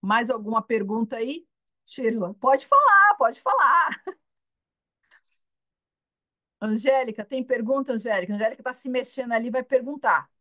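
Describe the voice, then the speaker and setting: A woman's voice: on the high side, normal speed, long pauses, no echo. A woman hosting a live online question session for women, chatting casually and animatedly, often acting out little dialogues and checking "entendeu?" over a video call.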